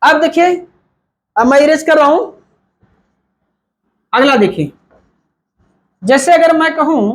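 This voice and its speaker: High voice, male teacher, repeats each point as a question and answers it himself, a grammar lesson in mixed Hindi and English. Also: expressive, slow, pauses often. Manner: repetitive, asks and answers his own questions; mixes Hindi with English terms.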